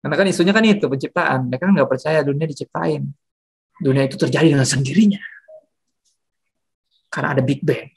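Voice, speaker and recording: Slangy gravelly-voiced male pastor. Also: fairly high pitch, fast talker, pauses often. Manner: slangy, joking, animated storytelling. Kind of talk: casual sermon. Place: church.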